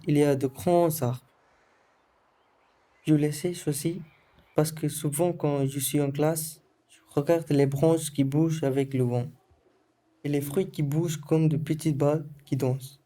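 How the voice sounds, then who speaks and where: Teen boy narrator, scripted voice-over, steady monotone delivery, mellow and very dark. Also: fairly high pitch. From Sri Lanka. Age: teens. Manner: calm, careful reading, short phrases. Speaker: student narrator of a school film.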